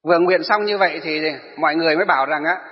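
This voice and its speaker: High-voiced man preaching in an echoey hall. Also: rapid-fire. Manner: asks rhetorical questions and answers them himself. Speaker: Buddhist preacher. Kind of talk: sermon storytelling. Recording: echoey hall, dull lo-fi sound.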